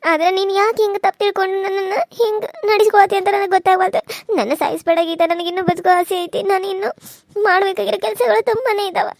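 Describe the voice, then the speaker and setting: A woman's voice: very high-pitched, fast, gravelly, no echo, studio quality. A woman voicing a frightened village woman in a cartoon serial, pleading tearfully.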